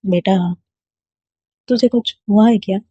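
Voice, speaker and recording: A woman reading a storybook voicing a patient, caring middle-aged father who speaks softly and reassuringly. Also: medium pitch, slow pace, husky, no echo. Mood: gentle. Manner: soft, reassuring. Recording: dull lo-fi dry recording.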